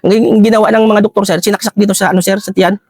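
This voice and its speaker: High-voiced halting Filipino ex-ranger. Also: male voice, little pitch movement, no room sound. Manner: halting, addresses listener as sir constantly. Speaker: retired army ranger scout. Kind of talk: recounting a war story in an interview.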